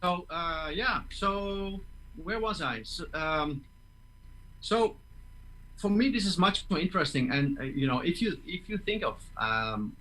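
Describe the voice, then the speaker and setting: A man with a fairly high, bright, forceful voice leads an online master class on breathing for brass players. He explains each step patiently, stumbles over and repeats words, and keeps checking in with his listeners. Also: lively intonation, a little slow, rough recording. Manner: explains step by step, restarts words, asks "okay?". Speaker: tuba teacher giving a master class.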